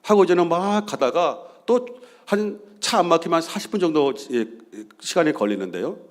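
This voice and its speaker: A man's voice: fairly high pitch, normal speed. A man in his fifties, a senior pastor, telling stories in a Sunday sermon and acting out the quoted lines. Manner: animated, acts out quoted bickering and voices.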